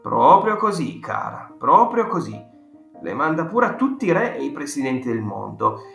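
A man voicing an excited ninety-six-year-old grandfather who tells stories with eager, emphatic exclamations, in a roomy audiobook recording with faint guitar music. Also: mid-range voice, fairly quick, creaky, pitched above the performer's own voice. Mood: enthusiastic.

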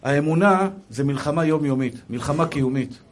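Guy preaching with stories, fairly high voice, gets fervent. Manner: emphatic storyteller addressing listeners as brothers. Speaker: religious lecturer. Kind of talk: Hebrew sermon with anecdotes.

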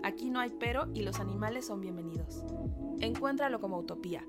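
A woman's voice: mid-range voice, expressive, fairly quick. A woman host, introducing her guest and asking enthusiastic interview questions. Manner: enthusiastic and admiring. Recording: music playing behind the voice.

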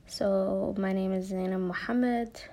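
A woman's voice: medium pitch, fairly even intonation, a little slow, dark tone. A young woman from Minneapolis talks through her first solo podcast episode, chatty and meandering. She fills the gaps with "um" and "like" and keeps correcting herself. A slight nervousness runs under her easygoing talk. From Minneapolis, United States. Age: young adult. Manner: chatty and rambling, many fillers and self-corrections. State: a bit nervous. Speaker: podcast host.

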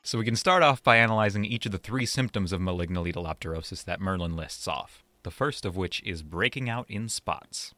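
A man's voice: deep voice, fairly quick, hardly any pauses, sharp tone. A man co-hosting a podcast with scripted narration and dry, teasing banter. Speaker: podcast co-host.

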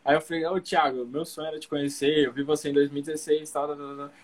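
A man's voice: fairly high pitch, level tone, quick pace. A young man from Cuiabá, a guest comedian, telling a long story in casual slang and acting out the other people in it. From Cuiabá, Brazil.

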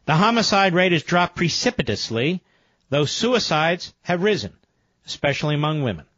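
American male radio host, somewhat high voice, emphatic infomercial-style selling, dry close studio sound. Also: very animated, moderate pace, fairly bright tone, no echo, muffled recording. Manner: emphatic sales pitch, repeating offers and phone number. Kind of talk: infomercial-style live ad read.

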